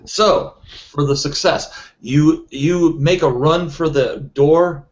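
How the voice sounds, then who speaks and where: A man acting as game master in a tabletop role-playing game, thinking aloud as he goes, with frequent pauses and restarts. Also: a little high, steady tone. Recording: dull lo-fi sound.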